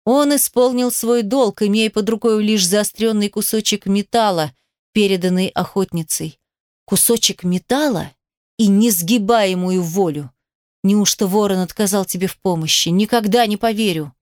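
A young man confronts his father in a level, icy, clipped voice, as a woman reader puts him on. It is an audiobook scene, recorded close and dry at a middling pitch. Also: normal speed, dry recording, lightly acted. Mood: cold. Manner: flat, cold, clipped. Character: young man, cold, contemptuous, grief-stricken son.

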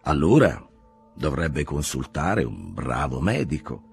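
A man's voice: very deep voice, sing-song, slow, creaky, faint music behind, heavily acted. A man voicing a jovial older sanatorium director who banters in a brusque, joking way. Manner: bantering, brusque, full of jokes.

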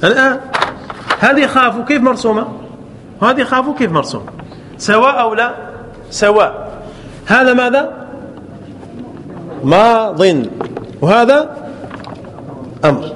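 A man teaching an Arabic grammar class, slowly drawing out example words and often checking that the students follow. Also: very high-pitched, lively intonation, a bit bright. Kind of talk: classroom lesson. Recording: echoey hall with faint ambient noise.

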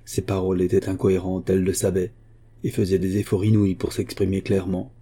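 A man reading a novel aloud as a steady audiobook narrator. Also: low-pitched, brisk, husky. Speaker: audiobook reader. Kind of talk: scripted narration.

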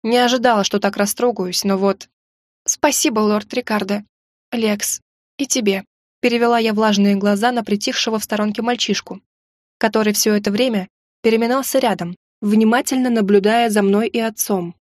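A woman reading a first-person audiobook with expressive, emotional storytelling. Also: medium pitch, a little fast, no room sound, clean studio sound. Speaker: audiobook narrator.

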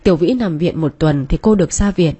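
A woman, reading a story in a calm, measured way. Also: sits low, slightly rough. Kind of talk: scripted narration.

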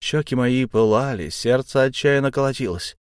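A man reading an adventure story aloud in the first person, telling it in a measured, tense way. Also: medium pitch, clear, resonant tone, dry recording, studio quality. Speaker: audiobook narrator.

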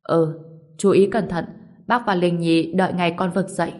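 A woman voicing a calm, fatherly older male clan patriarch in a storybook reading, with a low voice. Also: moderate pace, natural voice. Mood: genial.

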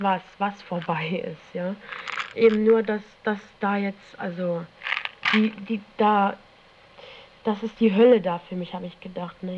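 A German teenage girl with a mid-range voice recounts her own experience as an interviewee, telling the story in a colloquial, slangy way with frequent tag questions. It's captured on a dull, noisy 1970s tape with faint noise.

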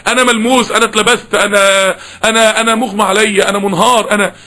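A preacher mocking a whining helpless believer. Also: male voice, high-pitched, flat delivery, quick pace, pushed and bright. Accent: Egyptian Arabic.

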